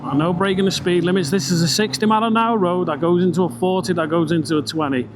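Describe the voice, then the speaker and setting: A British man with a slightly high voice vlogs from inside his helmet while riding a motorbike. He rambles along in a casual, chatty, sweary way. Engine and wind noise run clearly behind his enclosed-sounding voice. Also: fairly even intonation, quick pace. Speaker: vlogger. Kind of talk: casual ride-along motorbike vlog chat. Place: outdoors, riding a motorbike on country roads. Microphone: microphone inside a helmet. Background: motorbike engine and road noise.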